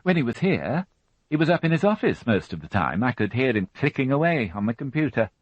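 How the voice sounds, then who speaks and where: Reading a storybook, a man raises his mid-range voice above its natural pitch to portray a prim, fussy middle-aged housewife, chatty and increasingly indignant. He speaks fairly quickly with big pitch swings, and the studio audiobook sound is dry and dull.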